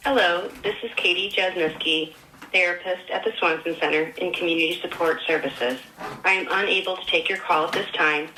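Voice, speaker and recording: A woman working as a therapist, speaking a polite, measured recorded voicemail greeting heard over a phone line. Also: fairly low pitch, pushed and bright. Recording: echoey phone line with faint hiss.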